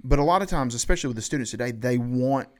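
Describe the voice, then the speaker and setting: A man with a mid-pitched voice and a light Southern accent hosts a relaxed podcast talk. He steers the discussion and keeps his guests going with steady murmurs of agreement. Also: fast. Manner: conversational, frequent affirming backchannels. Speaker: podcast host. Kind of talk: casual podcast conversation.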